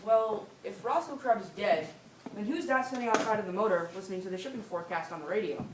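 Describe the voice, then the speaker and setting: A woman's voice: medium pitch, quick pace, natural voice. A woman playing a cheeky, dim, literal-minded minder in a stage comedy. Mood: matter-of-fact. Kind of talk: live stage comedy acting. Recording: echoey stage, distant mic, clear noise.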